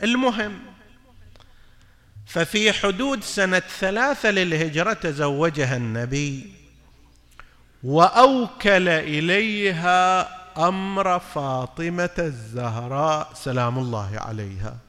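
Man, preacher, bright tense voice, long hall reverb. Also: on the high side, animated, unhurried. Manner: mixes formal Arabic with colloquial asides, asks listeners questions. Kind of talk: religious lecture.

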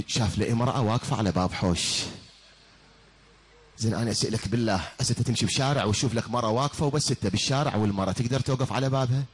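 A man's voice: mid-range voice, husky. A male preacher with an Iraqi accent tells a religious story in a sermon, impassioned and full of rhetorical questions. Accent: Iraqi Arabic. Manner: impassioned, rhetorical, addresses listeners directly.

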